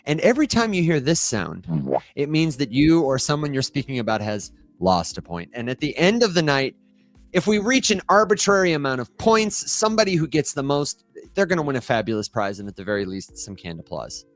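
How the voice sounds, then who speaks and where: A man's voice: a little high, big pitch swings, a little fast, faint music behind. A man hosting a podcast in a playful, upbeat way, chatting casually with guests. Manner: playful, upbeat, explaining a game. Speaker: podcast host.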